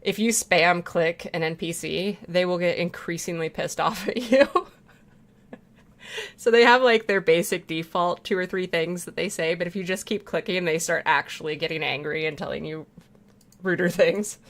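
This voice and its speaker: Woman, game streamer, casual rambling chat, frequent swearing and laughing, slightly low voice. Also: moderate pace. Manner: rambling, chatty, swears freely, laughs often. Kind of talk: casual chat while gaming.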